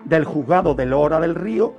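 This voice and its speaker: A Spanish-accented man contributing to a radio true-crime segment lays out a case didactically, asking rhetorical questions along the way. His voice sits slightly high and a little mellow, with lively intonation and moderate pace, over background music on dull-sounding audio.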